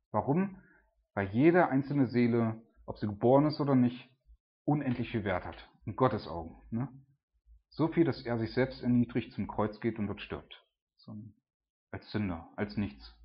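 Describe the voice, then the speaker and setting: Man, husky, chatty bible talk, dull recording. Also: medium pitch. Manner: chatty, many fillers like "ne" and "so". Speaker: Bible teacher. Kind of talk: informal Bible devotional.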